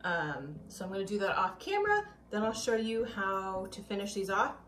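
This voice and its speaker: In an echoey home kitchen, a chatty, easygoing woman gives a casual cooking demo as a vlogger, tasting as she cooks. Her voice is medium-pitched, expressive and fairly bright at a normal pace, sitting a bit far from the mic over background noise and soft music.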